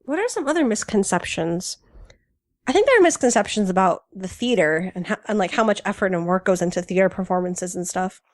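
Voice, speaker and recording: A woman's voice: medium pitch, animated, a little fast, no echo, studio quality. A woman co-hosting a casual fan podcast, chatty and enthusiastic, full of fillers. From United States. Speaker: podcast co-host.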